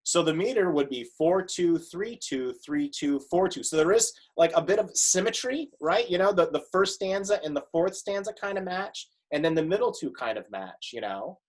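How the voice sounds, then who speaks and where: A man teacher explaining a poem in a casual, relaxed way, with many "you know" fillers. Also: sits high, normal speed, few pauses. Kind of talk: classroom lesson.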